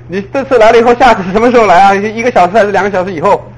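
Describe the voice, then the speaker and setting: A preacher doing a fed-up confession priest. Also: male voice, sits high, expressive, fast, poor audio. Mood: exasperated. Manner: exasperated, teasing. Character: irritated male priest hearing confession.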